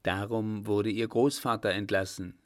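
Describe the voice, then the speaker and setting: A man voicing a shy, frightened young woman in a read-aloud novel, speaking gently and pleadingly. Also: lowish voice, level tone, measured pace, natural voice. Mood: distressed.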